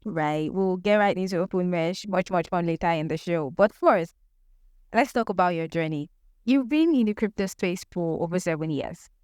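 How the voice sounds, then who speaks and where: Smooth-voiced upbeat woman podcast host. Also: on the low side, moderate pace, darkish tone, no room sound, clean studio sound. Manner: upbeat and enthusiastic. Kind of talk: scripted podcast intro and interview.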